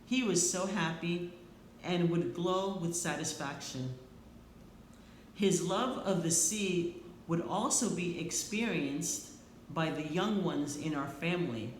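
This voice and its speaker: A middle-aged or older woman reads a prepared eulogy in a tender, solemn, slightly faltering way with deliberate phrasing. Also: fairly low pitch. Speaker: eulogist, family member. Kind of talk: prepared eulogy read aloud. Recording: echoey room, faint background noise.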